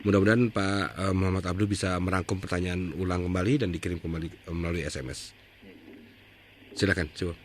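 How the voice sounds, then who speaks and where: Male call-in host, very low voice, quick delivery, polite and businesslike. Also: fairly even intonation, a little hiss or hum. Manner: brisk, polite, rephrases callers' questions. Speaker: radio show host. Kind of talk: call-in radio hosting.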